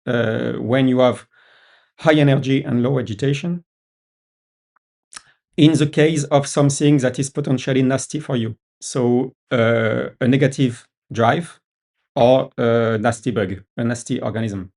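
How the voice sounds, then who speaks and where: A man with a French accent explaining app features in casual talk, pausing often with fillers. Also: medium pitch, vocal fry, a little mellow. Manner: hesitant, many "uh" fillers. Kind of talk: casual video-call discussion.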